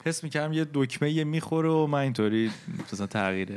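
A man's voice: a little high, expressive, a little mellow, smooth. A man from Isfahan with a light Isfahani Persian accent, telling a personal story in a casual chat, reflective and a little hesitant. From Isfahan, Iran. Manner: reflective, hesitant, laughs at himself.

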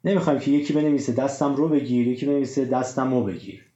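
A man's voice: mid-range voice, fairly even intonation, mellow. Man explaining in a roomy, dull recording. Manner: explanatory, gives examples, hesitant fillers. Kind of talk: casual discussion of Persian writing rules.

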